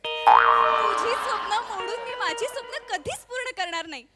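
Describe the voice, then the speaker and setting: A woman's voice: very high voice, huge pitch swings, moderate pace, full character voice. A woman playing an emotional young bride-to-be in a stage comedy sketch, pleading tearfully with her older sister. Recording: stage sketch with background music.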